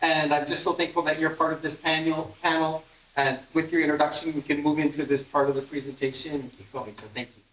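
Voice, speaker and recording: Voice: medium pitch, flat delivery, brisk, a bit bright, a little hiss or hum. A panel moderator introducing speakers with thanks. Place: conference room. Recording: roomy, distant hall mic.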